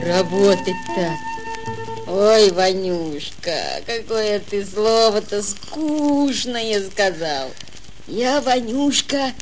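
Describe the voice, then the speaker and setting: Vain naive young princess, fairy-tale drama, languid, extremely slow, faint music behind. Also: female voice, medium pitch. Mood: languid, bored. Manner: languid, self-admiring. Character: pampered, vain, naive young tsar's daughter.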